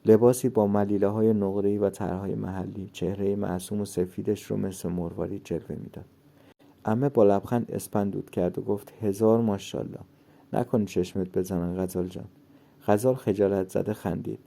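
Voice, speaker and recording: A man reads a story in a steady, even manner. His voice is gravelly, lowish and very dark, with a mellow warmth. He narrates plainly and only lightly shades the characters.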